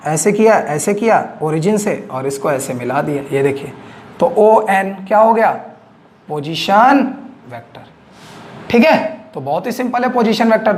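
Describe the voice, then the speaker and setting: Man, physics teacher, classroom board lecture, slow word-by-word dictation, frequent checking questions. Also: high-pitched. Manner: explains slowly, asks checking questions, dictates definitions word by word.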